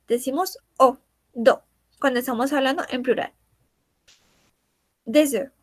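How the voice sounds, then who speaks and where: Female teacher, high voice, unhurried, repeats and translates each word, dry close mic. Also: a bit bright, no room sound. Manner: repeats words slowly, translating each one. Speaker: French teacher. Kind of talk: bilingual language lesson.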